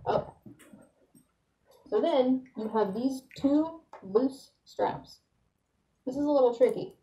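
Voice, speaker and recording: A woman's voice: high-pitched, takes it slowly, dark tone, reverberant, muffled recording. Woman talking through a gas mask. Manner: chatty, plainspoken, laughs at herself. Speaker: demonstrator. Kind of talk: casual how-to demonstration.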